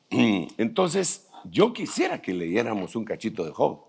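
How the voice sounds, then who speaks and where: A man's voice: lowish voice, huge pitch swings, slow pace, gravelly, a little mellow, breathy edge. A man, teaching pastors in a conversational sermon, reading scripture aloud and adding joking asides.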